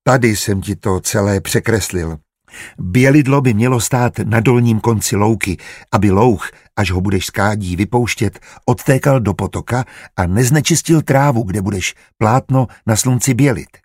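In this audiobook, a man reads a good-natured, learned steward who lays out his plans with eager kindness. The voice is husky with a little breath in it, and the recording is dry and close. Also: fairly low pitch, darkish tone, no room sound. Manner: explains eagerly and kindly. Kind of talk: audiobook character reading.

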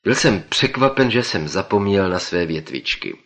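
A male audiobook narrator with a very low, deep voice. He tells a first-person story in steady, measured scripted narration, with an even, unhurried flow.

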